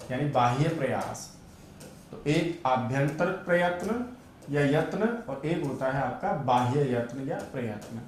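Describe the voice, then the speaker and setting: A man's voice: fairly high pitch, heavy reverb, a little hiss or hum. A man teaching Sanskrit grammar in an online exam-prep class, repeating key terms and asking and answering his own questions.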